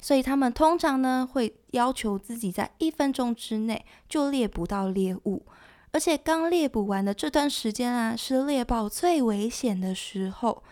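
A woman giving scripted nature documentary narration as a presenter, explaining things in a conversational way with soft sentence particles. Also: on the high side, animated, moderate pace. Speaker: presenter of an animal education show.

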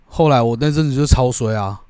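A man's voice: mid-range voice, brisk, darkish tone, clear, resonant tone, no echo, studio quality. A young man, telling a story in a casual chat and swearing often as he goes. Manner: swears casually, lots of filler agreement. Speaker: podcast co-host.

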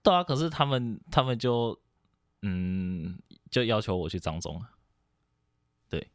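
A young man from Taiwan chatting casually on a podcast, hesitant, with many restarts and soft laughs. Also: lowish voice, big pitch swings, a little slow, no room sound, clean studio sound. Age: young adult. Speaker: podcast guest. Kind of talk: casual chat.

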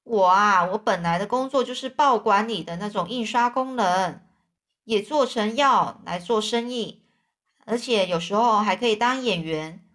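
A woman's voice: medium pitch, moderate pace, fairly bright tone, natural voice. A woman storyteller voicing a melodramatic young male drifter who boasts and then laments his fall in a theatrical, mournful way. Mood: boastful.

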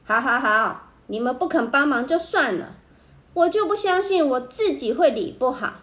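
A woman's voice: high voice, expressive, moderate pace, fairly bright tone. A woman putting on a smug young barber. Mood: indignant. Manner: smug, scornful. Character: arrogant boastful young male barber.

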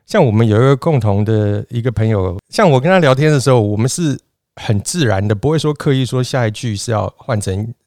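A man in his forties chatting as a guest, relaxed and talkative, often laughing and restarting his sentences. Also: mid-range voice, brisk, no room sound, clean studio sound. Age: 40s. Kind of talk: casual chat.

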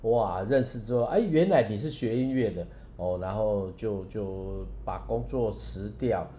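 Preacher guy on the radio, low dark voice, keeps restarting, earnest, echoey room. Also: slight background noise. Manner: halting and earnest, many restarts, emphatic rises. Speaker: preacher and songwriter, radio guest. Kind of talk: personal testimony in a radio interview.

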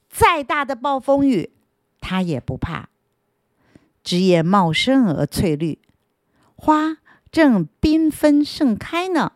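A woman narrating a children's story gently and expressively, addressing young listeners. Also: medium pitch, no room sound, clean studio sound.

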